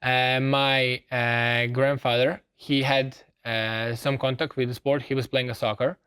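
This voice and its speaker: A man's voice: medium pitch, little pitch movement, unhurried, pushed and bright, smooth. A young man from Serbia speaking English with a Serbian accent, answering interview questions as a student athlete, earnest and full of hesitations. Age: young adult. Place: TV studio set.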